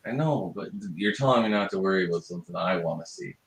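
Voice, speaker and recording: Brief: rambling, foul-mouthed male host, lowish voice, echoey room. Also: animated, quick pace. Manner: rambling, profane, laughs often. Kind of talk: casual chat.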